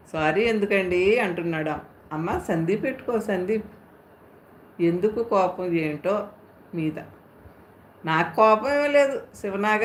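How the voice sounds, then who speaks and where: A woman hosting a live stream, chatting casually and teasing viewers as she reads their comments aloud. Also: on the low side. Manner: playful, teasing, talks straight to viewers. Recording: echoey room, faint background hum.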